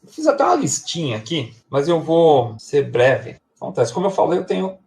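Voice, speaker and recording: A man's voice: a little high, wildly swooping pitch, normal speed, gravelly, a little mellow. A man, giving a chatty, personal introductory lesson on tarot. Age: 40s. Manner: chatty, personal, digressive storytelling. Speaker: tarot and astrology teacher. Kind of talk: introductory lesson, live stream talk.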